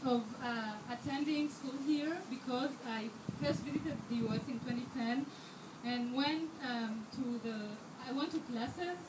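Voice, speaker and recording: In her twenties and from Rwanda, a scholarship student gives a prepared fundraiser speech in an event hall, her highish voice earnest, measured in pace, with hardly any pauses but frequent fillers and restarts. She holds the handheld mic too far away, so the recording is distant, echoey and noisy.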